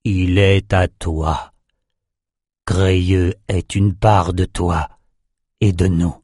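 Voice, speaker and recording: A man voicing a grieving, brawny barbarian king who speaks slowly and heavily through sobs in an audiobook. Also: fairly low pitch, mellow, slightly rough, dry recording, clean studio sound, full character voice. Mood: grave resolve.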